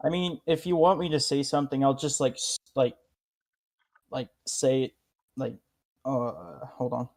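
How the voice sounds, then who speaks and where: A man's voice: medium pitch, little pitch movement, unhurried, long pauses, a little mellow. A man chatting casually as a player in a tabletop role-playing game.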